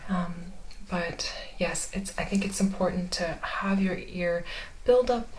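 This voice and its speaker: A woman in a soft, mostly soft-spoken ear-exam ASMR role-play, gently explaining each step as the clinician. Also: fairly low pitch, takes it slowly, a little hiss or hum, low-quality recording.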